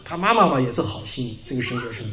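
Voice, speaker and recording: Lively, fast-talking preacher man. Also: medium pitch, echoey room. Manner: animated storyteller, laughing often. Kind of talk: personal testimony told to a congregation.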